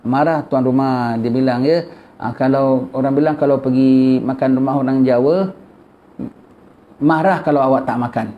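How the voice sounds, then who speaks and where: A man's voice: medium pitch, normal speed, pauses often. A man with a Malaysian Malay accent giving a religious text lesson in a conversational way, often tagging his phrases with "ya" and "ha". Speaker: religious teacher. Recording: dull lo-fi recording.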